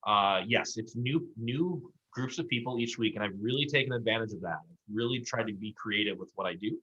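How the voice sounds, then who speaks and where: An improv league coach co-hosting a casual recap talks through the performers with encouraging, rambling comments full of fillers. His voice is lowish and sharp, he speaks fairly quickly, and the sound is lo-fi.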